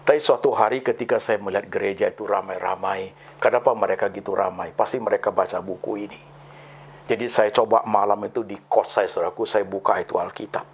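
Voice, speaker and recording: Recounting his life from the pulpit, this middle-aged pastor punctuates nearly every phrase with "brothers and sisters," speaking slowly and dramatically with abrupt jumps upward in pitch. The tone stays steady and creaky, and a faint hiss or hum sits under the recording.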